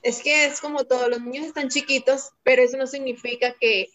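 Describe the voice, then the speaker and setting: A teacher and mother chats casually as a podcast guest, talkative and full of anecdotes, laughing lightly as she speaks. Her high, level voice is fairly quick and a bit bright. Faint music plays behind her on dull lo-fi audio.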